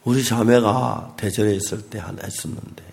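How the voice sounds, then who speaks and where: A male pastor with a preaching a sermon, telling a testimony story in an animated way and acting out voices. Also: lowish voice, normal speed, gravelly.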